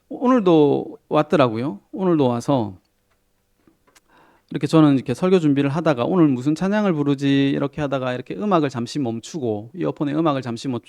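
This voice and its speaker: A middle-aged man preaching a sermon in a chatty, self-deprecating storytelling way, with soft chuckles and quiet asides. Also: on the high side, creaky. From Korea. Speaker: pastor.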